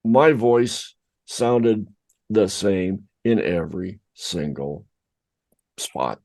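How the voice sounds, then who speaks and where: Middle-aged male podcast co-host, low voice, casual, self-deprecating storyteller. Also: drawn-out words, gravelly, darkish tone.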